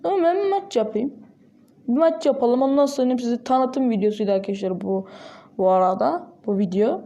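A woman talks through a mobile game in a casual, chatty way. Her voice sits fairly high, with a soft, mellow tone. She keeps breaking into sudden bursts of excited exclamations. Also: a little fast, dull audio. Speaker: gaming channel host.

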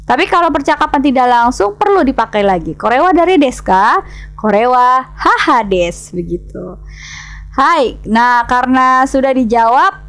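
Female language teacher, slightly higher voice, patient step-by-step explainer. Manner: explains step by step, mixes in Japanese classroom phrases. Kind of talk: recorded classroom lesson.

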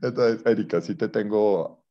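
Low-voiced teacher lecturing online. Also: male voice, unhurried, lo-fi sound. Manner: conversational, teasing students with examples. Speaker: psychology teacher.

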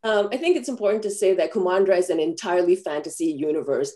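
A Malaysian film screenwriter answers press questions over a video call from a room at home. She speaks earnestly and thoughtfully, with many fillers, in a low-leaning, warm voice at a quick pace.

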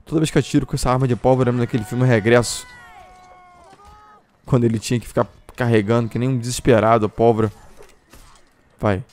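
Excitable Brazilian gamer with a gravelly voice. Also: male voice, medium pitch, slight background noise. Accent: Brazilian Portuguese. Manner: excitable, bursts into shouts and chatters to the viewers. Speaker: gameplay streamer. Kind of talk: excited gameplay commentary. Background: faint classical music from the game.

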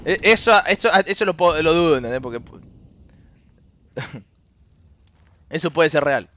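A young Argentine man co-casting an esports match, shouting and laughing at the plays in slangy live commentary. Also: on the high side, expressive, a little slow, muffled recording.

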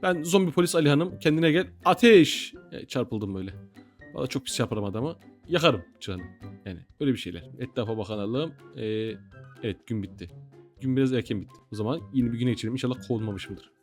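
A man's voice: mid-range voice, animated, fast, a little mellow, soft background music. A young man in casual, joking gameplay commentary, teasing the game characters and talking straight to his viewers. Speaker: gaming YouTuber.

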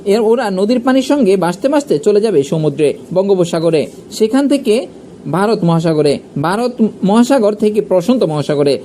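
A man reading a story aloud in a calm, steady way, softly voicing the dialogue. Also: sits high, moderate pace, a little hiss or hum. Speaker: audiobook reader.

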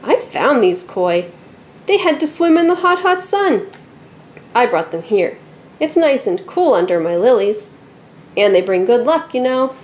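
A woman's voice: on the high side, big pitch swings, unhurried, slight background noise. Chill little neighbor boy, a woman reading his lines, storybook, just shrugs it off. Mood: easygoing. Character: easygoing young neighbor boy.

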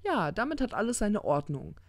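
A reader voicing a tipsy, smug male demon in an audiobook, talking in a halting, slurred ramble that stumbles over its words. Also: mid-range voice, big pitch swings, no echo, studio quality, voice pushed up, lightly acted. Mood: indignant. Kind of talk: audiobook character reading.

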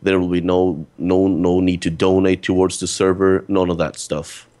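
Nervous young guy, low voice, pretty monotone, keeps stumbling over words. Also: moderate pace. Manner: nervous, stutters and repeats words. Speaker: new channel host. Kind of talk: casual channel update.

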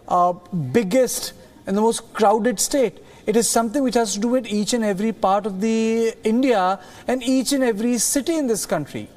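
Pitched high but darkish in tone, a thirty-something male anchor reads a studio news bulletin with measured delivery. When he turns to question a colleague, a few hesitant fillers creep in.

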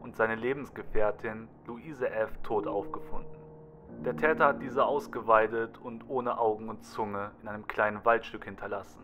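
A man's voice: on the low side, muffled recording, lightly acted. A man voicing a detached TV newsreader reporting in a formal manner, in a spoken horror story. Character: calm TV newsreader. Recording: soft music behind.

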